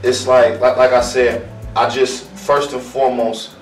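A man in his thirties from Akron, Ohio, a barber answering interview questions in a calm, earnest way, often repeating words as he searches for them. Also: medium pitch, measured pace. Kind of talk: casual interview. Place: small room indoors. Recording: roomy, distant mic, faint music.

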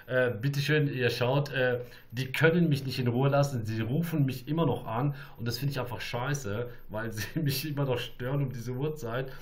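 A man livestreaming to his viewers, talking in a rambling, repetitive and excitable way. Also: mid-range voice, moderate pace. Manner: repetitive, restarts and repeats phrases, excitable. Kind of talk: rambling live-stream monologue to viewers.

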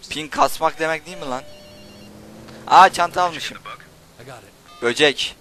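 A young man doing Let's Play commentary, swearing and shouting insults at game characters while he plays. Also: fairly high pitch, a little slow. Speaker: gaming channel host.

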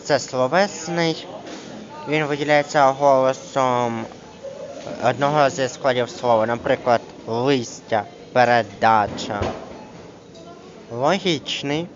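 A man tutoring one student through a grammar lesson in a casual, hesitant way, with many fillers, reading example words slowly. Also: mid-range voice. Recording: dull lo-fi screen recording with clear background noise.

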